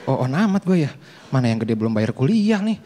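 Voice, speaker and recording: A man's voice: mid-range voice, sing-song, brisk, dark tone, pitched below the performer's own voice, close to an everyday voice. A man doing a fretful street vendor. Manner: fretful muttering. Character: worried middle-aged male street vendor. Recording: noisy studio with crowd.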